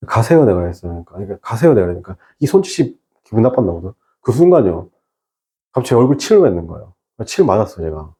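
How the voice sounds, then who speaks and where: A man in his 30s or older teaches an exam-prep English class in an online lecture with an anecdote. His voice is on the low side, dark, very animated, and fast as he fires off rhetorical questions and mixes in English terms.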